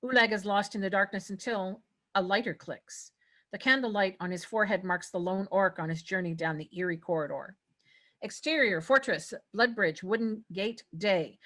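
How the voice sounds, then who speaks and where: A woman with a medium-pitched, fairly bright voice narrates a script, reading the stage directions aloud during a table read.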